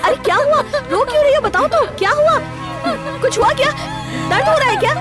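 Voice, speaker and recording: A woman's voice: on the high side, brisk, over loud music, lightly acted. An actress playing a caring woman police officer who speaks politely in court and urgently comforts a frightened girl. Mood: urgent soothing. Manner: polite, then urgently soothing. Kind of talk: film drama dialogue.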